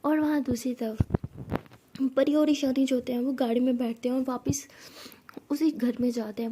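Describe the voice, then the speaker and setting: A woman's voice: on the high side, mellow. A young woman casually telling a college love story, voicing every character's lines herself and mixing English words into her talk.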